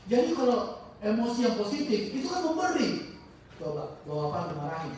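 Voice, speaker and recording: A high-pitched man teaches an informal religious study circle. He often stops mid-sentence to hunt for the right word, then slips into animated voices for the people in his stories. He is caught from a distance in a booming, echoey mosque hall with a faint hiss underneath. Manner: halting, searches for words mid-sentence; animated storytelling with acted-out quotes.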